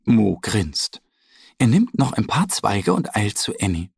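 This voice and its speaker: A man reading a children's story aloud in a slow, lively, expressive way. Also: fairly low pitch, vocal fry, breathy edge, no echo, studio quality.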